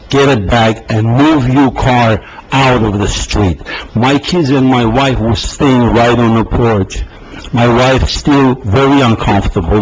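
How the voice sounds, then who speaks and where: A man from the Soviet Union, a resident making a halting, earnest public comment at a town council meeting, with many fillers and restarts. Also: fairly low pitch. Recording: dull lo-fi meeting recording with faint hiss.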